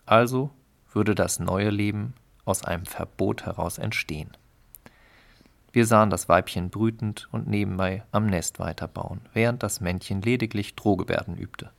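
Gravelly, low-voiced male storyteller. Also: normal speed. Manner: dry, wry storytelling. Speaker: narrator. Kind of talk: audiobook reading.

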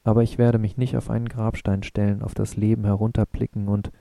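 A man's voice: on the low side, level tone, fairly quick, creaky, dark tone, dry recording. A male narrator voicing a frank, spirited young woman, speaking in a blunt, defiant way in an audiobook reading.

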